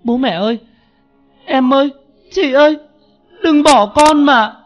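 A man voicing a starving nine-year-old boy, sobbing and shrill with hatred, in a spoken ghost story. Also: a little slow, faint music behind. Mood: wailing. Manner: sobbing, shrill, hate-filled. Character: grieving furious starving boy about nine.

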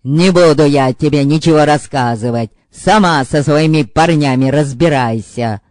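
A man doing a hysterical, shouting young man. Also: fairly high pitch, normal speed, dry recording, natural voice.

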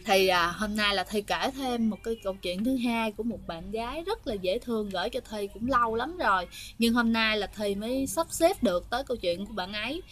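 A woman's voice: on the high side, animated, brisk, a bit bright. Chatty Southern Vietnamese woman storyteller. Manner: chatty, frequent hesitations, keeps addressing listeners. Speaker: ghost story host. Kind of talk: casual spoken storytelling to viewers.

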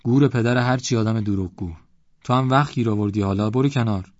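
A man's voice: mid-range voice, darkish tone, no room sound, voice pushed up, close to an everyday voice. A man voicing a worn-out village woman who curses and scolds her cow, breathless and complaining. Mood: angry. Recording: dull lo-fi audiobook recording.

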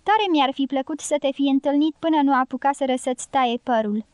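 A woman's voice: high-pitched, a little mellow, dry recording, studio quality, natural voice. Woman reading as Robert Jordan, a reserved young man. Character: young male American dynamiter, reserved and earnest. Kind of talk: audiobook character reading.

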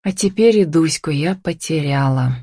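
A woman's voice: low-pitched, expressive, moderate pace, dark tone, slightly rough, dry recording, full character voice. A frightened young woman on the run, read by a woman narrator in a plaintive, slightly raised voice. The sound is dry and close, with no room around it. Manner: plaintive, tearful.

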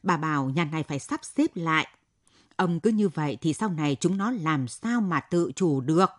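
A woman's voice: low voice, expressive, normal speed, no room sound, clean studio sound. A woman voicing a cheeky, talkative young village woman who chatters in a gushing rush.

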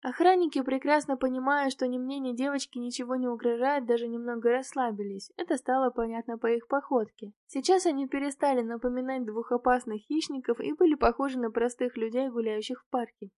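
A woman's voice: sits high, steady tone, a little fast, hardly any pauses, a little mellow, dry recording. Woman narrating a novel, dry close sound. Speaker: audiobook narrator. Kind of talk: first-person novel narration.

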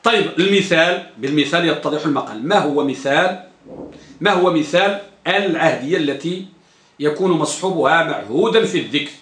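Male teacher, high bright voice, quizzes his class and repeats key terms, echoey classroom. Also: animated, a little fast. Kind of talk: classroom grammar lesson. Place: classroom with students.

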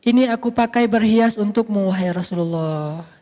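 A male preacher voicing a gentle young wife who answers her husband tenderly, in a lower, quieter voice. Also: moderate pace, lightly acted. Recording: long hall reverb.

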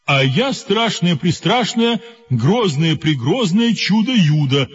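A bragging, quarrelsome monster head from a children's audio story, growling its threats, played by a man. The voice jumps up and down as it argues. The audio is somewhat dull, with clear music behind. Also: sits high, big pitch swings, slow, voice pushed up, exaggerated voice. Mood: squabbling. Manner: squabbling, growling, menacing. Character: boastful quarrelsome seven-headed rainbow monster.

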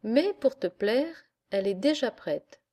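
A kindly old seafaring man speaks with quiet pride, slow and unhurried in his telling, as a woman reads him. His voice stays soft and mellow, an elder recalling old battles in a storybook. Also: very high-pitched, very animated, full character voice. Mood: gentle. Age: older. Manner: storytelling, proud. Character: kindly old male sailor and singer. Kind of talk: audiobook character reading.

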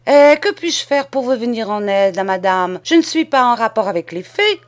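A quick-witted young maid speaks in a lively, slightly raised voice, polite on the surface and scheming underneath. She is put on by a woman reading a children's novel aloud. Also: a little high, close to an everyday voice. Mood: innocent. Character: clever, kindly young maid, quick and sly.

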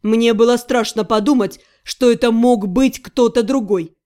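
A woman voicing an earnest young male necromancer who speaks quietly and sincerely. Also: on the high side, unhurried, voice pushed down, close to an everyday voice. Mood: tender, earnest. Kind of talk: audiobook character voice.

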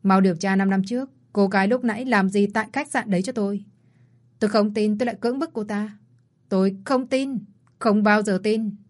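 A curt, arrogant rich young man from a storybook, voiced by a woman narrator. He talks clipped and cold at an ordinary middle pitch. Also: brisk, natural voice. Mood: agitated.

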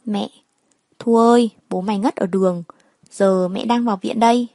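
A woman's voice: mid-range voice, steady tone, moderate pace, warm tone, dry recording, natural voice. Woman voicing a worried mother. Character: worried middle-aged mother in hospital.

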